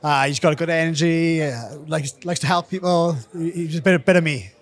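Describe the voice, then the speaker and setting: A man's voice: on the high side, a little fast. A man from South Wales with a South Welsh accent, giving casual testimonial answers in informal, clipped short phrases. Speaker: academy student giving a testimonial.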